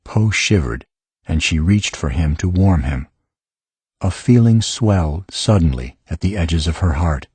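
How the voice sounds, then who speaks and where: A man narrating a fantasy audiobook in a calm, measured way, recorded in a studio. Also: low-pitched, breathy edge, no room sound. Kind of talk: scripted narration.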